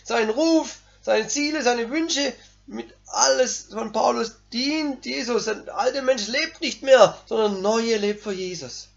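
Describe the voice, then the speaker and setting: A man preaching a sermon, talking emphatically and building to forceful exclamations. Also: very high-pitched, takes it slowly, gravelly. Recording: dull lo-fi recording.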